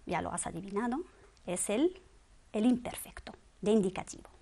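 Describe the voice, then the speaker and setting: A woman's voice: mid-range voice, animated, moderate pace, warm tone. A woman teaching a grammar lesson, drilling verb forms one by one with patient quiz questions. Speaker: Spanish teacher.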